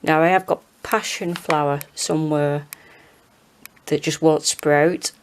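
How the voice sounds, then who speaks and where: A British woman in her forties chatting casually and hesitantly as she gives a rambling home gardening tour, with a monotone, self-deprecating manner. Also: low voice, takes it slowly, a little hiss or hum. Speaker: gardening vlogger. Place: small home kitchen and windowsill, indoors.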